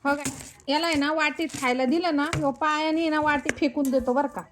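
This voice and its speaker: A woman's voice: sits high, steady tone, fairly quick, slight background noise. A woman talking to her pet at home in affectionate, coaxing baby talk, sometimes scolding it playfully. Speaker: pet owner.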